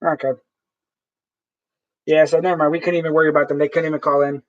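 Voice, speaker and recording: A man with a notably high-pitched voice chats casually to his live-stream viewers. He rambles, swears freely and often restarts his sentences. The sound is dull and lo-fi. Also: little pitch movement, fast talker. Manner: rambling, profane, with frequent restarts.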